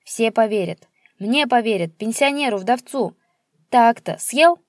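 A woman's voice: a little slow, mellow, breathy edge, no echo, studio quality. A woman voicing a spiteful old male pensioner who screeches and jeers at his son. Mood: shrieking. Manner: shrill, screeching, jeering.

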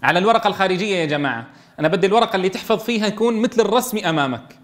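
Guy teaching tajweed to a room of students, high voice, keeps asking "ok?". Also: expressive, racing. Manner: explains step by step, checks in with students. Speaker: Quran teacher trainer. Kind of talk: classroom tajweed lesson. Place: classroom with students.

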